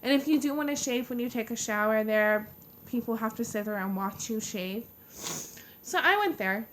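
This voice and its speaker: A young American woman vlogging a casual personal storytime in a halting, informal way, leaning hard on the openers of her sentences. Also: fairly high pitch, lively intonation, fairly bright tone, a little hiss or hum. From United States. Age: young adult.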